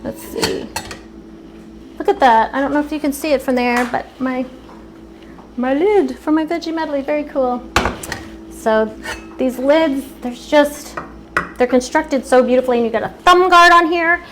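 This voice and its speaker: A woman's voice: high-pitched, moderate pace, pauses often, background noise. A woman hosting a live cooking demonstration, chatty and upbeat, sometimes stepping away from the mic. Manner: chatty, upbeat, eating while talking.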